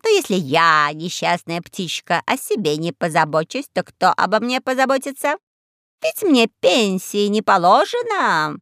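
A woman's voice: mid-range voice, big pitch swings, a little slow, a bit bright, no room sound, studio quality. Woman voicing a sly, greedy old crow. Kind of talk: audiobook character voice.

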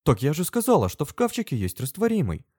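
A man voicing an emotional, tearful elderly woman in a read-aloud story, pitched well above his own voice and drawn out. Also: animated, brisk, dark tone, no room sound, studio quality. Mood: bewildered.

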